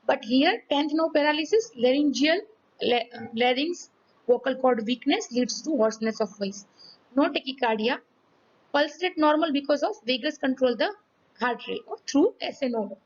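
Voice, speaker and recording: Hoarse, high-voiced woman teaching. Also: expressive, normal speed, highs cut off. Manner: checks in often with "okay?" and "ready?". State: hoarse from yelling. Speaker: physiology teacher. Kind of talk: medical lecture with demonstration.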